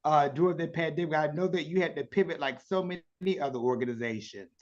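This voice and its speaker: A man's voice: fairly high pitch, quick pace, dull audio. A man with a Southern accent hosting a virtual interview, chatty and effusive, heard over a video call. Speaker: interview host.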